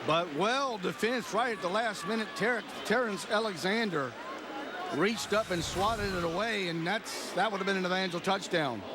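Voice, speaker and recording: A man's voice: sits high, moderate pace, crowd noise. A man giving color commentary on a live football game from a stadium booth. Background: loud stadium ambience.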